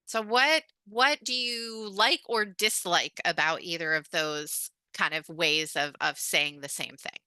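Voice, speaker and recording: A woman's voice: lowish voice, unhurried, few pauses, pushed and bright, smooth, no room sound. A woman leading a webinar on communication skills, talking in a chatty, informal way with lots of "um" and "like". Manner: chatty and informal, heavy on fillers like "um" and "like". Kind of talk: casual webinar instruction.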